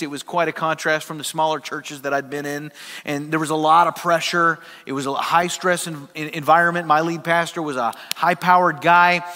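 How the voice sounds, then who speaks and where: A male pastor preaching a sermon, telling a humorous personal story with lively, animated delivery in a church. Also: a little high. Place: church sanctuary. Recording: reverberant church hall.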